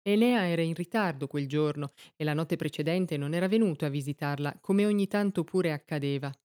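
A woman narrating a story in a measured, expressive reading. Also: sits low, clean tone.

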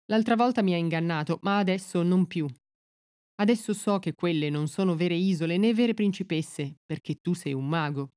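A woman's voice: lowish voice, normal speed, darkish tone, clean tone, no room sound, clean studio sound, close to an everyday voice. A woman reading an earnest young prince. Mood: indignant.

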